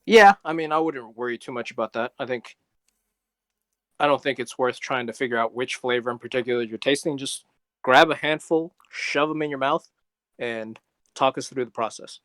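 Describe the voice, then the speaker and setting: A man co-hosts a casual podcast chat, delivering long, rambling explanations in a dry, deadpan way. His pitch is ordinary and middle. The sound is close and dry, with no room echo. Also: moderate pace. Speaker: podcast co-host.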